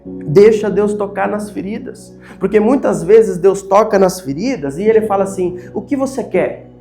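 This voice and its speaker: A man's voice: high-pitched, moderate pace, warm tone. A Brazilian man preaching a sermon as pastor, with a Brazilian Portuguese accent, piling up emphatic rhetorical questions. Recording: faint music behind.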